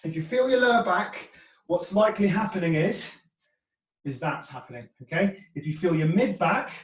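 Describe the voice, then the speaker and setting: Echoey, higher-pitched male workout coach. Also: animated, moderate pace. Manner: short clipped commands, encouraging check-ins. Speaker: fitness instructor. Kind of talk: instructional workout coaching with counts and cues. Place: indoor room, heard from a distance. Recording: echoey room, far from mic.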